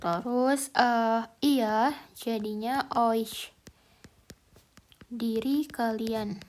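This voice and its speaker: Woman tutor, fairly high voice, unhurried, thinks aloud, casual lesson delivery. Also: steady tone, slight background noise. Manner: slow, hesitant, thinking aloud with fillers. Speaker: German language tutor.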